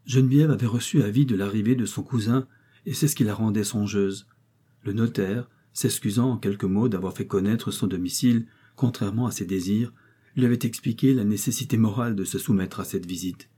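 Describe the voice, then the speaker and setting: A man reading a classic novel aloud as an audiobook narrator, in a steady storytelling manner. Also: fairly low pitch, a little fast, breathy edge.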